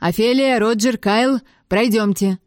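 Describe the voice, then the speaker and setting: A woman plays an authoritative male university rector who gives orders in a measured, commanding way. His voice sits somewhat raised. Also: a little high, no echo, studio quality, voice pushed up, lightly acted.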